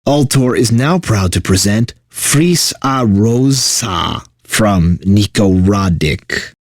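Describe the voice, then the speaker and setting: Heavily acted, the performance features a fairly low-pitched man as a video game's jaded corporate radio DJ, weary and sardonic, swinging between exaggerated announcer patter and sarcastic, exasperated asides. He's animated yet slow-paced. The studio sound is clean, with no echo.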